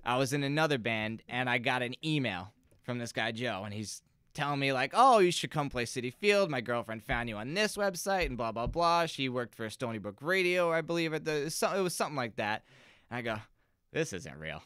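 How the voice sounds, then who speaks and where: A man's voice: medium pitch, expressive, brisk, a bit bright, clean tone, dry recording. A young man, a musician guest, chatting casually into a close microphone in an interview and acting out the voices of people in his stories. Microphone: close podcast microphone.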